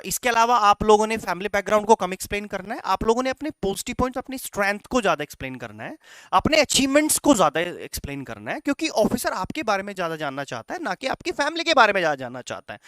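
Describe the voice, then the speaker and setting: A man teaching a class of students, with a very animated voice that swings up and down as he makes his points. He drops English phrases into his speech and keeps checking in with the class. The recording is dry, with no room sound. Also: high-pitched, fast talker, clean tone, no echo. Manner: instructive, repeats "right?" and "चलेगा" to check in; mixes English phrases into Hindi. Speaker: coaching teacher. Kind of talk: classroom lecture.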